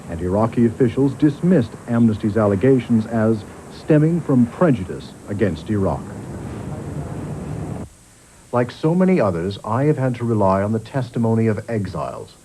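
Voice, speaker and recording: A man, a journalist, giving measured, grave documentary narration, heard from a worn VHS tape copy. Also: lowish voice, dark tone, a little hiss or hum, poor audio. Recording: faint music underneath, worn tape.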